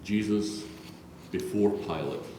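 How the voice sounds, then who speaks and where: In a large, reverberant church, a man reads aloud a solemn scripted Bible passage. His voice is low-ish and warm, and he reads slowly. The recording is echoey, distant, and carries faint noise.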